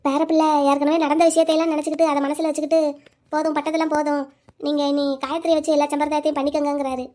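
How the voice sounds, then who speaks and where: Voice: high-pitched, flat delivery, rapid-fire, mellow, voice pushed down, close to an everyday voice. A voice actor playing a stern, pushy old grandmother in a cartoon story, talking in an insistent, scolding way.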